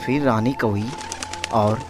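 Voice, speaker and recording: A woman narrating a children's cartoon story slowly, phrase by phrase. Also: rumbling low, soft background music. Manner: slow, phrase-by-phrase telling.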